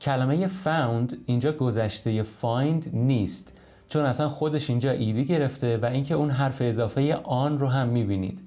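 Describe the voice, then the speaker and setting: A man's voice: mid-range voice, dark tone, soft background music. A man teaching English in an explanatory lesson, modeling English words and sounds as he explains.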